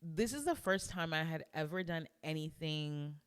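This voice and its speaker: A young adult woman co-hosting a podcast, telling a story in a casual, animated way and acting out what people said. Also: sits low, normal speed, smooth. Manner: animated storyteller who acts out quotes. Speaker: podcast co-host. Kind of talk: casual chat.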